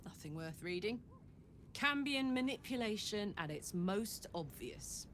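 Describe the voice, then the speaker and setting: A woman's voice: medium pitch, expressive, unhurried, fairly bright tone. A woman playing a hardened, wry and candid adventurer companion in a video game, speaking conversationally. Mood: dry. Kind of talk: naturalistic video game dialogue. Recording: faint noise, background ambience.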